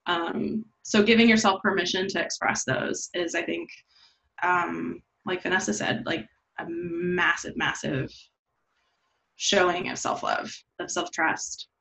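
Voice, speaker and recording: A woman's voice: lowish voice, animated, measured pace, vocal fry, a bit bright. A woman hosting a casual, heartfelt chat, talking candidly, swearing freely and saying "like" a lot. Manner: candid and profane, says "like" often. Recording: slightly dull lo-fi sound.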